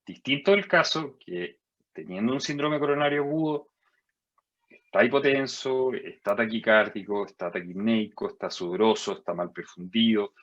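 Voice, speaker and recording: Man, physician lecturing, low voice, dull lo-fi sound, emphatic rises on key points. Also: fairly bright tone. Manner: measured and explanatory, with sudden higher-pitched emphasis on key points. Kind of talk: medical lecture over slides.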